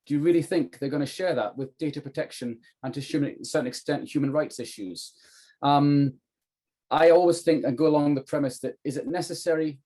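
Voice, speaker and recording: A man's voice: mid-range voice, warm tone. A middle-aged man explaining things as a trainer, in an informal lecture style with emphatic rhetorical questions. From UK, northeast England. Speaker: trainer, former police officer.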